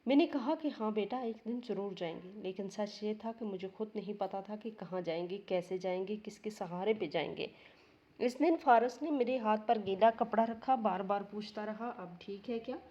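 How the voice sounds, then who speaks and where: A woman narrates a heartfelt first-person story at a slow, sorrowful pace. Her voice is warm and mellow. The recording is dull and slightly lo-fi. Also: mid-range voice.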